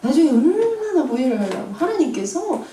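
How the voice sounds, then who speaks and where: A woman in her forties preaching to mothers, acting out family scenes in an animated way. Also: sits high, moderate pace, slight background noise. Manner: animated, acts out family scenes with audience laughter. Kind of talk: sermon. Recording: roomy hall from a distance.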